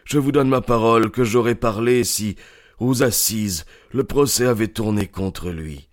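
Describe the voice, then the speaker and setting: A man's voice: on the low side, unhurried, no echo, studio quality, close to an everyday voice. An actor playing a weary, dying old man. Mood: weary, remorseful.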